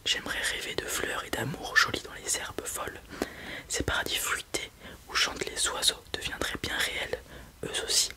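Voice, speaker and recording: A person doing an ASMR whispered role-play as a helpful librarian, speaking in a soft, breathy library whisper. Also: moderate pace. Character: helpful librarian recommending children's books to a parent.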